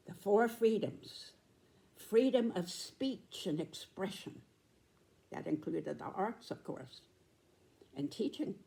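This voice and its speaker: A woman in her nineties giving a reflective spoken commentary, with deliberate, emphatic phrasing and pauses. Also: lowish voice, dark tone. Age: 90s.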